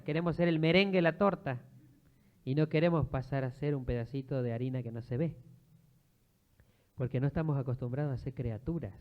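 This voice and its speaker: A man with an Argentine accent, a priest giving a sermon-style teaching, telling stories and rising into emphatic exhortation. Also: a little high. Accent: Argentine Spanish. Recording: muffled lo-fi recording.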